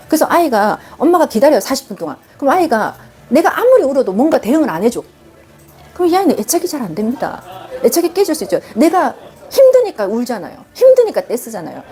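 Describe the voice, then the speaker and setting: A woman's voice: on the high side, mellow. A woman counselor giving parenting advice on a live stream, speaking emphatically and directly. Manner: emphatic, direct, acts out quoted parent and child lines. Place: live online broadcast.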